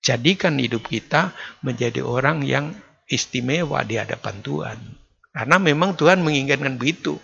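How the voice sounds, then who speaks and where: Older pastor guy preaching casual, real gravelly, muffled online stream audio. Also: moderate pace. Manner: conversational preaching, lively pitch jumps. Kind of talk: sermon. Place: church, online service.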